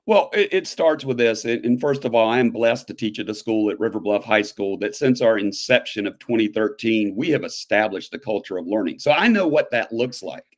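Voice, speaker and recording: A man in his fifties, a high school history teacher, speaking as an interview guest in an animated, emphatic way that builds to pointed questions. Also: fairly quick, few pauses. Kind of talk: conversational interview.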